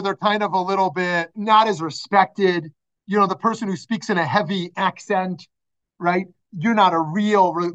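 A rabbi teaches a class over a video call, speaking conversationally, asking the group questions and laughing often. His voice sits high and is a bit bright, and the call audio is dull and lo-fi.

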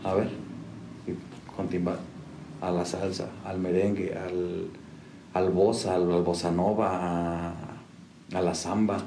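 A musician guest tells stories casually, rambling with lots of restarts and fillers. He has a deep voice with little pitch movement and a slow pace, recorded in an echoey room with faint noise.

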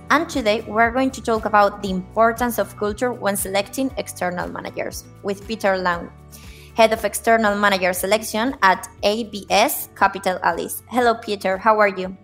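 A woman hosts an interview podcast at a mid-range pitch, reading her introductions formally. Her questions come out a bit halting, with repeated words and "uh" fillers. Faint music plays beneath her voice. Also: steady tone. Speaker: podcast host. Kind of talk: scripted podcast hosting.

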